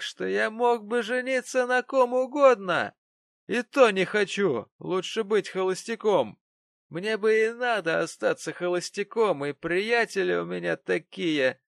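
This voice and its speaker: A man's voice: sits high, creaky, fairly bright tone, no echo, clean studio sound, voice pushed up, exaggerated voice. A man voicing a cruel, drunken young husband in an audiobook, snarling and contemptuous. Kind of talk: audiobook character voice.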